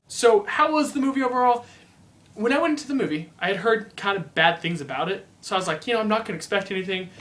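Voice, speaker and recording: A man's voice: sits high, a bit bright. A young man giving a casual movie review, chatty and often saying "like".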